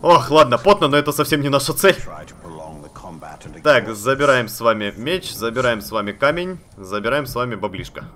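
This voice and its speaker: A man giving chatty, excitable commentary while playing a video game, talking to the characters on screen and swearing casually. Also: medium pitch, moderate pace, a little hiss or hum. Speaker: let's play gamer. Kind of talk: live gameplay commentary.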